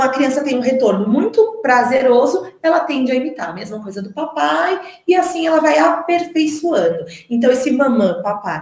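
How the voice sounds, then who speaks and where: Woman, Brazilian Portuguese accent, speech therapist, expressive live talk, high-pitched, echoey room. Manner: explanatory, expressive, asks rhetorical questions. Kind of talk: live online talk to parents. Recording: roomy echo.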